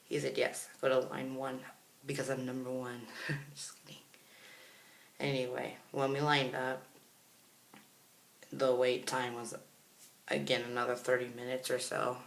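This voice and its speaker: Telling a casual, meandering story for his vlog, this Kansas man often stops to correct himself. He speaks in a gravelly, somewhat bright medium-pitched monotone, a little slowly and with long pauses, in an echoey room.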